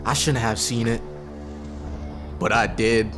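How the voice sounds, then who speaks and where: A man's voice: medium pitch, slow, over music. A man telling a spooky story in a casual, rambling, jokey way in a community TV studio, filling his talk with "like". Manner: rambling, lots of "like", animated and jokey.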